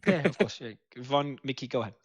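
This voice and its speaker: A man hosting a live news panel discussion, talking haltingly with many fillers and restarts. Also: mid-range voice, animated. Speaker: host.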